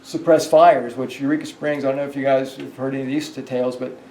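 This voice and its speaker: A man on a hotel ghost tour tells his stories fast and in a rambling fashion, with frequent fillers and restarts. His mid-range voice is darkish and steady in tone. The distant, off-mic recording has hallway echo and a little hiss or hum.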